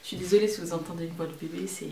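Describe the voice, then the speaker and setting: A woman's voice: fairly low pitch, fairly even intonation, rapid-fire. Woman vlogger in an echoey room. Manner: repeats words and phrases for emphasis. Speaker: beauty vlogger presenting product favourites. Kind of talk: casual product review to camera. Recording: roomy echo, distant mic, faint noise.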